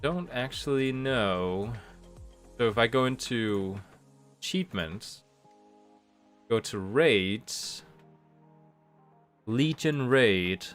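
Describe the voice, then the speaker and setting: A nasal-sounding man with a slight cold streams a game from home while it rains, faint music playing behind him. His mid-range voice is lively and fairly bright, drawing out words and pausing often as he rambles, thinks aloud, and restarts.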